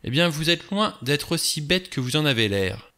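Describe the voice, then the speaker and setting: A man's voice: on the high side, sing-song, normal speed, pushed and bright, voice pushed up, heavily acted. A man reading the part of a cool, sardonic male adventurer who talks in a wry, offhand way.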